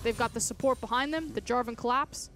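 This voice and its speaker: A woman's voice: a little high, brisk, a bit bright, soft background music. A woman giving analytical live commentary as an esports co-caster.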